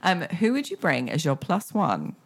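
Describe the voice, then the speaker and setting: Low-voiced woman radio host. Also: huge pitch swings, breathy edge. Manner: playful, quick questions. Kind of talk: casual radio chat.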